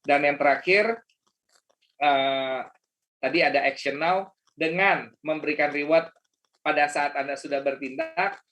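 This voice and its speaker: A man's voice: a little high, a little slow, pauses often, fairly bright tone, a little hiss or hum. A man giving a casual motivational webinar talk as a coach, chatty and full of fillers and restarts. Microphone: video call.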